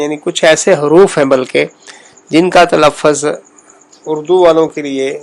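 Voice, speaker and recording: Man teaching a language lesson, somewhat high voice, measured and patient, repeats sounds, crickets and birds faint behind. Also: vocal fry. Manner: measured, explains slowly with repetitions and pauses. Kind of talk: spoken lesson on pronunciation.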